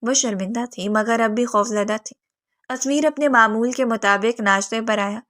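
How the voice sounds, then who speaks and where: A woman's voice: a little high, a bit bright. Woman narrating a romance novel.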